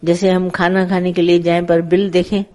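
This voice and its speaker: A woman's voice: fairly low pitch, flat delivery, normal speed, darkish tone, rough recording. A middle-aged woman leading a devotional satsang, talking in a conversational way to her followers, telling parables and slipping English words into her speech. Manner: conversational, tells parables with acted quotes, mixes English words. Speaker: spiritual teacher leading satsang.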